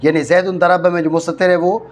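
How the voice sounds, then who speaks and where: A man from Pakistan with a high voice and little pitch movement teaches a class on Arabic grammar while a crowd murmurs behind him. He goes through the material step by step, repeats his points, and keeps checking that his students are following.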